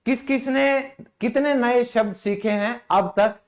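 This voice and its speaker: Man, English teacher, high-pitched, slightly hoarse, chatty, rhetorical questions, slow careful pronunciation. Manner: chatty, quizzes viewers with rhetorical questions, slows down to pronounce words. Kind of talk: online grammar lesson.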